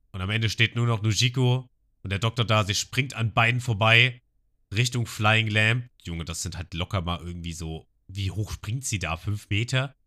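Bright-voiced man recapping an anime episode. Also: on the low side. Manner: retells scenes and acts out the lines. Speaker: podcast co-host.

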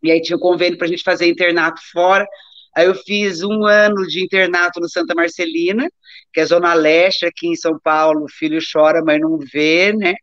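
A woman's voice: fairly low pitch, steady tone, a little fast, fairly bright tone. A middle-aged woman from Brazil chatting informally about her life, digressing and repeating words for emphasis. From Brazil, born in Rio, raised in Taubaté. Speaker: interview guest, doctor and amateur athlete. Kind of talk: casual autobiographical chat. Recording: echoey room, dull lo-fi live-stream audio.

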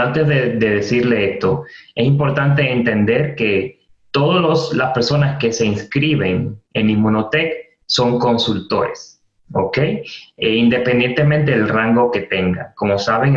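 Man explaining a training webinar, roomy. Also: mid-range voice. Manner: explanatory, frequent fillers and restarts, repeats key terms. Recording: roomy, dull lo-fi webinar audio.

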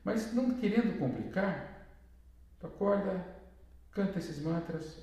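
A man's voice: a little high, dark tone. A man with a Brazilian Portuguese accent, a therapist giving a casual spiritual talk in a chatty way, often tagging his sentences with little questions. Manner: chatty, frequent tag questions. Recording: very echoey room, voice from far off.

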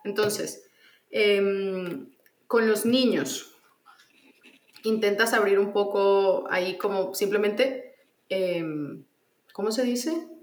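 A woman's voice: mid-range voice, slow, long pauses, roomy sound. A woman hosting a casual interview, talking hesitantly and searching for her words. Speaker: podcast host.

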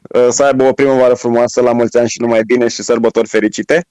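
A man guest on a radio sports show, sharing stories in a casual, chatty way. His voice sits at an ordinary pitch and sounds dry and close, without any room echo. He laughs now and then while telling his tales. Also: fairly even intonation, darkish tone, clear, resonant tone, highs cut off. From Romania. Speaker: guest, former world rowing champion. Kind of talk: casual radio interview chat.

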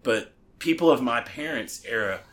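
A man in his forties with a drawl, chatting casually on a podcast. His voice sits at an everyday middle pitch. He muses aloud and lets his thoughts trail off before picking them back up. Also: animated, normal speed, fairly bright tone, a little hiss or hum. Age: 40s.

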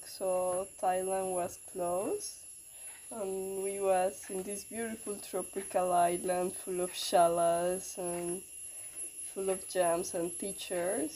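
A woman talks slowly and unhurriedly, her voice low and mellow. She pauses to search for her words as she answers questions. Faint outdoor hiss sits behind her. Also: rough recording. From Colombia. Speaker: interview guest, dancer. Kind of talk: casual interview answers. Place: outdoors in a forest.

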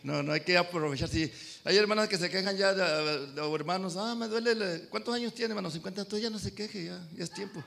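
A pastor preaching a sermon, swinging between loud and soft and calling out amen to the congregation. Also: male voice, sits high, fairly quick, vocal fry. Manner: addresses congregation as brothers, calls amen.

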